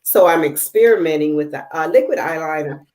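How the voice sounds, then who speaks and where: A woman hosting a live makeup tutorial over a video call, talking in a halting way with many fillers while she works and checking that viewers can see. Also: low voice, darkish tone. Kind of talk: casual live demonstration.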